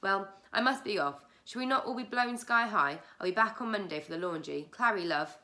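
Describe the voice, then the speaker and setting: Plain-spoken old housekeeper lady from a storybook, bright forceful voice, bit louder and higher, as a woman reads her. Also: expressive, brisk. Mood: gossipy. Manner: homely, blunt, motherly. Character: chatty older working-class housekeeper woman.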